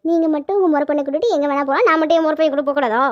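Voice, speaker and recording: A woman voicing a sharp-tongued, teasing young woman in a cartoon, firing back quick mocking retorts. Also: high voice, no echo, close to an everyday voice. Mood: sassy. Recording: dull lo-fi sound.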